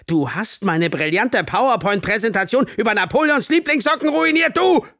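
A man's voice: very animated, moderate pace, a bit bright, no room sound, clean studio sound. A man reading an audiobook, voicing a pompous, bullying male teacher who bellows his lines. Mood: ranting. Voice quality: shrill bellowing.

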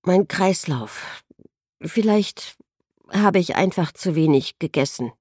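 A woman reading the part of a dazed woman who has just fainted, answering in a halting, evasive way. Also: deep voice, big pitch swings, a little mellow, slightly rough, dry recording, studio quality, heavily acted. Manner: stammering, evasive.

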